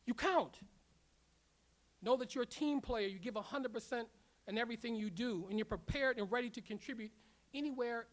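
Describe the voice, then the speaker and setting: Give me a school leader giving an emphatic commencement address at a middle pitch, driving home repeated rallying lines. The speaker stumbles on filler words when going off-script. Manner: emphatic, repetitive rallying phrases, leads call-and-response. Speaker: culinary academy leader giving graduation address. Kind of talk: commencement speech. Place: large ceremony room.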